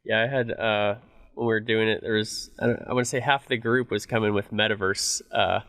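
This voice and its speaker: A man's voice: on the low side, steady tone, brisk, a bit bright, dry recording. A man hosting a podcast interview, talking in a friendly, conversational way. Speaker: podcast host.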